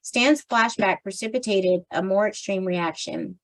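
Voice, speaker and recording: A tired, slightly strained woman reading a nonfiction book aloud for a book club, now and then clearing her throat and restarting a stumbled phrase. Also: medium pitch, a little slow, low-quality recording. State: tired, voice strained from much talking.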